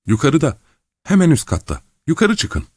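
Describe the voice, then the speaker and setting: A man voicing a young hospital nurse who turns from shrill alarm to curt, cool firmness. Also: a little fast, no echo, clean studio sound, natural voice. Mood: flustered. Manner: shrill when scared, curt when calm. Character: young woman nurse, flustered then cold.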